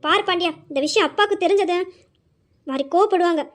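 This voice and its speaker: Woman voicing a scheming mother, coaxing, conspiratorial, high, quick. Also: fairly bright tone. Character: scheming middle-aged mother, plotting.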